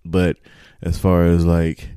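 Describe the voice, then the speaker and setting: Man, deep voice, dry close studio sound, casual podcast host, rambling, animated, informal. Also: slow pace, clean tone, no echo. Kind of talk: casual solo morning podcast chat. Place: home studio.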